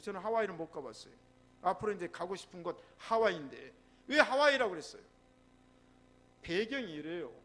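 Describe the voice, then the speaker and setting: A pastor from Jeolla preaches with a high-pitched voice and his regional accent. He tells stories and keeps turning to the congregation for replies. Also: a bit bright. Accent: Jeolla Korean. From Jeolla, South Korea. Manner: storytelling, prompting replies from the congregation. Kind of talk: sermon. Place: church sanctuary.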